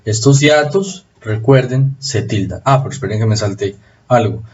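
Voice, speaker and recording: A man giving a recorded spelling lesson, explaining rules slowly and repeating them for emphasis. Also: fairly low pitch, a little mellow, dull audio. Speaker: spelling teacher.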